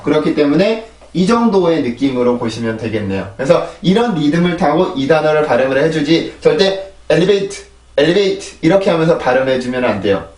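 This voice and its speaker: A man with a somewhat high voice teaches English pronunciation, repeating drill words slowly and asking whether his listeners follow. He sounds a little distant from the microphone. The room adds a noticeable echo. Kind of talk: casual spoken lesson. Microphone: small clip-on mic with phone camera.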